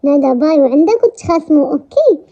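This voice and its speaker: A woman's voice: high-pitched, animated, fast, dark tone. A woman with a Moroccan accent voicing a playful, cheerful young dressmaker in a romance story. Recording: dull lo-fi recording.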